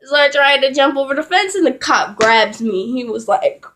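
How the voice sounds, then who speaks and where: A woman's voice: high-pitched, expressive, moderate pace, noisy background. A young woman vlogger telling a rambling story in a casual, profanity-heavy way, with laughing asides.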